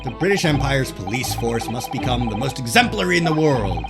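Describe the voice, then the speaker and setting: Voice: medium pitch, sing-song, loud music behind the voice. Someone voicing a theatrical, menacing villainous lord. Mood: grandiose. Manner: theatrical villain menace, slow grandiose declaiming. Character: imperious British lord, zealous villain ranting about justice. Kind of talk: dramatic reading of game dialogue.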